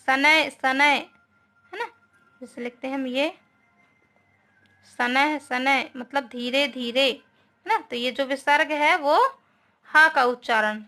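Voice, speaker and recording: Bright high-voiced woman teaching grammar. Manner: explains patiently with frequent tag questions; mixes English words into Hindi. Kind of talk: online class lesson.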